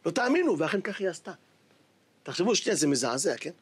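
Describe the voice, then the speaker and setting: Husky high-voiced rabbi preaching dramatically. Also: male voice, very animated. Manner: dramatic, exclamatory, shouts for emphasis. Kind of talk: sermon storytelling.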